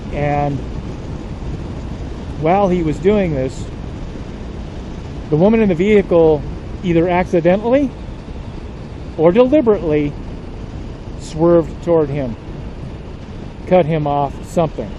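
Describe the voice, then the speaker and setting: A man talks into his camera for a somber motorcycle vlog, speaking slowly and haltingly as he holds back tears. His voice sits a little high. Steady traffic noise from the road carries behind him. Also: lo-fi sound. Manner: slow, halting, emotional, choking back tears. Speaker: motorcycle vlogger.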